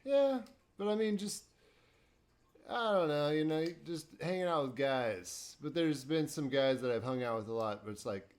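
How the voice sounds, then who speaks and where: A man's voice: a little high, expressive, moderate pace, a little mellow. A man co-hosting a podcast, chatting casually in a laid-back, joking way and swearing freely. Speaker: podcast co-host. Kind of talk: casual chat.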